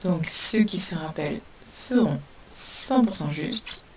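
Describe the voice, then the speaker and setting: A woman teaching a spelling lesson to young pupils, dictating words slowly and sounding out each letter. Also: on the low side, animated, a bit bright. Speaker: primary school teacher. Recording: distant mic with faint hiss.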